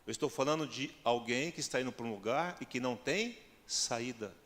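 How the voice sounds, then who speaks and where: A male pastor with a Brazilian Portuguese accent preaches a sermon in a church hall, firing rhetorical questions at the congregation and building to emphatic peaks. His medium-pitched voice is a little fast, a bit bright, and lively in intonation, with long church-hall reverb around it.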